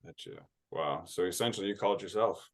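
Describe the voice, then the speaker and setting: A man's voice: low voice, a little fast. A man hosting a podcast, giving brief reactive responses to his guest. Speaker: podcast host. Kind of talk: interview reactions.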